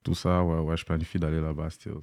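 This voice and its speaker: A young man, in his twenties, talks in a very low voice that is captured dry and close, with no room sound. He answers as a podcast guest in an easygoing way, dropping frequent relaxed agreements. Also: fast talker, dry recording. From Quebec, Canada. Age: 20s. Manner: easygoing, agreeable, many "ouais" replies. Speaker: rapper guest. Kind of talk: casual interview chat.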